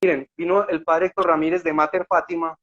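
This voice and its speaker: A fervent man with a Colombian accent tells his story in a slightly high voice, earnest and emotional, often turning to his listeners for agreement. The recording is a little dull and lo-fi. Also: little pitch movement, a little fast. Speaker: guest sharing a faith testimony. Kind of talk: conversational storytelling.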